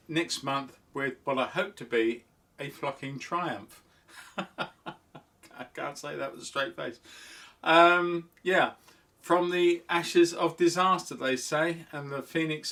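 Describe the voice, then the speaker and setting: A man's voice: medium pitch, a bit bright. A middle-aged man hosting his own hobby vlog, talking in a rambling, self-deprecating, chatty way. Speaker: model railway channel host. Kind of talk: casual hobby vlog talk.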